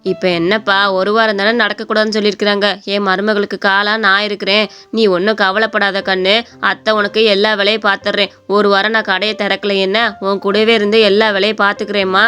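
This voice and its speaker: A woman voicing a kind elderly mother-in-law who speaks calmly and soothingly. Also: mid-range voice, a little fast, smooth, pitched below the performer's own voice, lightly acted. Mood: reassuring. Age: older. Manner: calm, soothing and advising.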